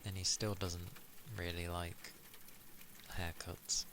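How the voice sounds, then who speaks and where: A very deep, flat-voiced man murmurs in a soft, rambling ASMR chat, taking his time between words. Steady background noise sits clearly under his voice. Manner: soft, rambling, slow-paced musing. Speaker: streamer.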